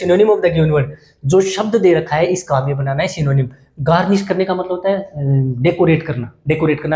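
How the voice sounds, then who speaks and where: A man's voice: high-pitched, a little mellow, reverberant. A male English teacher giving an exam-prep vocabulary lesson, explaining in Hindi with English terms and often repeating words and checking "okay?" with students.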